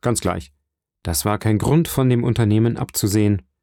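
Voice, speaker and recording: A man reading a novel aloud in measured, even scripted narration. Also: fairly low pitch, no echo, clean studio sound. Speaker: audiobook narrator.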